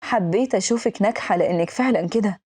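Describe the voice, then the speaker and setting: Woman voicing a gentle lovesick rich young man. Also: medium pitch, fast, breathy edge, close to an everyday voice. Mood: tender. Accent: Egyptian Arabic. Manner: soft and pleading.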